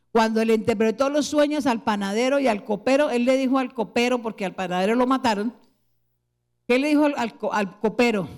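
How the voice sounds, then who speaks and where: A middle-aged woman pastor with a Colombian Spanish accent preaching a sermon, slowing into soft, prayerful tones and then rising with emphasis. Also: a little high. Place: church sanctuary.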